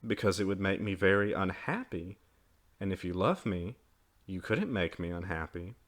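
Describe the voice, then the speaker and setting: A man's voice: deep voice, moderate pace, close to an everyday voice. A man voicing a loving mother in a storybook, tender and earnest in manner. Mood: puzzled, earnest.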